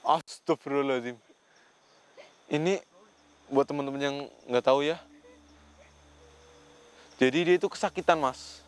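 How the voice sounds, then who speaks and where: A man's voice: medium pitch, moderate pace, pauses often, clear, resonant tone. A man hosting a paranormal investigation vlog, talking earnestly to a spirit and to his viewers. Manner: earnest, speaks to spirits and viewers, keeps saying "Mas". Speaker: ghost-hunting vlogger.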